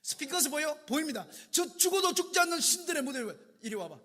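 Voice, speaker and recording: A man's voice: extremely high pitch, sing-song, quick pace, pushed and bright, pitched above the performer's own voice, exaggerated voice. A man voicing a scornful, mocking male pharaoh who taunts and boasts, within a sermon. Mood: boastful.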